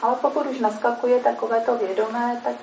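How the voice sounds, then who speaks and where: Woman, steady explainer, gravelly and flat delivery; echoey, far-off mic. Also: on the high side. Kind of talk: calm explanatory talk. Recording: echoey room, mic far off, faint noise.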